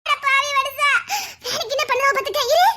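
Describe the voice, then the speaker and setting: A woman with a Tirunelveli Tamil accent chatters rapidly and schemes her way through a village comedy sketch. Her voice is very high and bright, with fairly even intonation.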